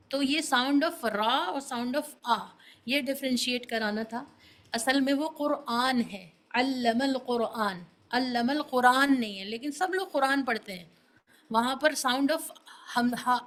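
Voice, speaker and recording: A woman's voice: a little high, fairly bright tone, poor audio. Woman, tajweed teacher, patient explaining, repeats example sounds, mixes in English terms. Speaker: Quran recitation teacher. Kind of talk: online tajweed class for beginners.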